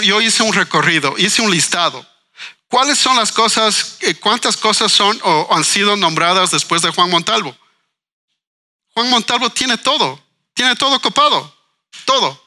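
High and bright, this man's voice carries a forceful tone. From Ecuador, he's a writer, educator and cultural manager guesting on a panel, speaking earnestly, asking questions and echoing his own words as he works through ideas.

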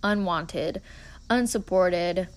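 A woman's voice: lowish voice, drawn-out words. A woman in her twenties hosting a casual solo podcast, talking earnestly and encouragingly with lots of filler words. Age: 20s. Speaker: podcast host.

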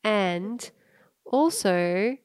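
A woman's voice: mid-range voice, lively intonation, extremely slow, clean tone, dry recording, clean studio sound. An Australian woman co-hosting a podcast, telling a story in casual chat and laughing often. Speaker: podcast co-host.

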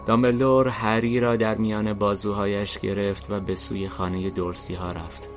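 Male narrator, very deep voice, steady scripted reading, faint music under. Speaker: narrator and host.

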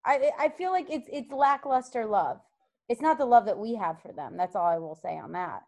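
A woman with a high voice hosts a casual fan chat. She is lively and animated, and she repeats phrases to drive a point home. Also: normal speed, gravelly. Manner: animated, repeats herself for emphasis. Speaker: host.

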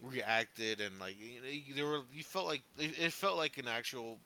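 A man's voice: mid-range voice, moderate pace, sharp tone. A man co-hosting a podcast, chatting casually about a film in a rambling way with many fillers. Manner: rambling, heavy on fillers, laughs often. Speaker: podcast co-host. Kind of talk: casual movie review chat.

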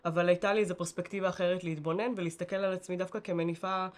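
Lower-voiced Israeli woman, thoughtful. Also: steady tone. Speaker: interview guest. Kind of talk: casual reflective conversation.

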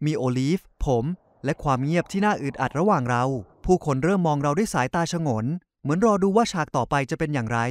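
A man's voice: fairly high pitch, dry recording, studio quality. A man reading a scripted first-person story in a confessional tone, often speaking straight to the listeners. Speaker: narrator. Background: faint background music.

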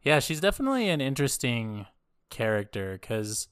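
A podcast co-host chatting casually in an informal, halting way, hedging as they go. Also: medium pitch, sing-song, clear, resonant tone, no echo, studio quality.

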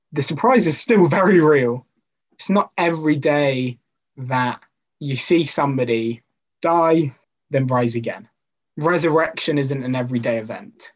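Husky man giving a casual sermon. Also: medium pitch, poor audio. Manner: conversational, with personal stories and rhetorical questions. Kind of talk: informal sermon talk.

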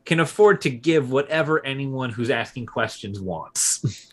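A man co-hosting a history podcast in a relaxed, casual way, with frequent filler pauses. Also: mid-range voice. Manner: relaxed, many filler uhs. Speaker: podcast co-host.

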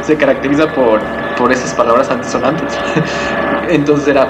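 A man's voice: medium pitch, steady tone, moderate pace, over loud music, low-quality recording. Mexican man recalling a family story. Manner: laughs while telling stories, slangy. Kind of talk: casual chat, comic storytelling.

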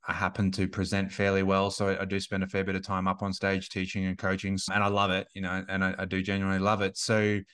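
A man's voice: deep voice, completely flat delivery, fast, hardly any pauses, a bit bright, clean tone. A man in his thirties, a podcast guest and business coach, talking casually and rambling with many restarts and fillers. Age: 30s.

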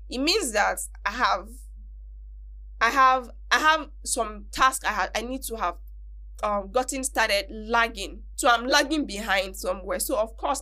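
A young Nigerian woman talks through her thoughts on a solo podcast, casual and reflective, stopping to work out everyday examples as she goes. Her voice sits a little high and rings bright and clear, with a lively forward edge. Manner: chatty, reflective, works through examples aloud. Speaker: podcast host.

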